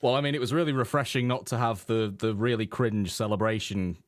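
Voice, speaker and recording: A man's voice: on the low side, fairly even intonation, a little fast, no echo, studio quality. A young man co-hosting a casual football podcast, joking and teasing with a lot of laughter. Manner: jokey, teasing, laughs often, puts on mock voices. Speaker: podcast co-host.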